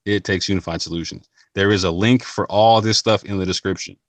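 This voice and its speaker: A man's voice: deep voice, fairly even intonation, a little fast, dry recording. A man talking casually and earnestly to his viewers, using slang and often repeating and restarting his phrases. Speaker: channel host. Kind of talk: casual talk to camera.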